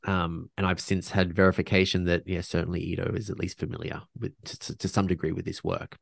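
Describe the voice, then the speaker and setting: A man's voice: deep voice, level tone, brisk, creaky, no echo. A man speaking as a podcast guest in casual conversation, reflective and earnest, restarting sentences often and sprinkling in slang.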